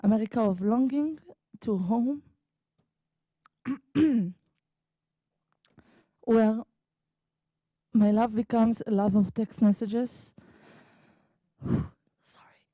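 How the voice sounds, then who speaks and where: A woman from Israel, a native Hebrew speaker, slowly reading her own prose poem at an open mic in a library meeting room, with halting asides. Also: a little high, mellow, no room sound, poor audio. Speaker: visiting writer reading her piece.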